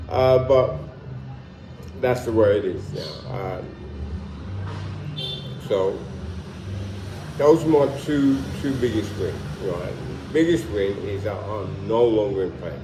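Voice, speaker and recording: This vlogger, a London man in his sixties with a London English accent, takes things slowly in a fairly low voice and pauses often. Relaxed and rambling, he keeps stopping and restarting while filming in a warm room at home in Colombia, the audio reverberant and noisy.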